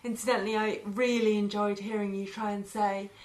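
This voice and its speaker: A woman's voice: mid-range voice, little pitch movement, fairly quick, a little mellow. A woman hosting a podcast, explaining things in a casual, conversational way. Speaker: podcast host. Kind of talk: casual informative chat.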